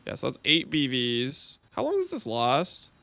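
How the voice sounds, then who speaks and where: Male streamer on a dry headset mic, smooth-toned, animated, joking with chat while he plays. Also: mid-range voice, a little slow, no room sound. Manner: chatty, joking, thinks aloud to chat. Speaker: livestreamer. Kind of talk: casual gameplay commentary.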